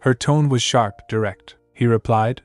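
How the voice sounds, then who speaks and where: A man's voice: mid-range voice, unhurried. Man narrating a story recap. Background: soft background music.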